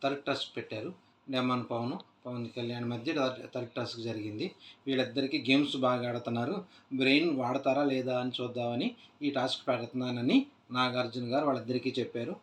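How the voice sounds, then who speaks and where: A man's voice: medium pitch, steady tone, fast talker. A man casually recapping a reality show episode, retelling scenes loosely with many "aa" fillers and restarts. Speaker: TV show reviewer. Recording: echoey room.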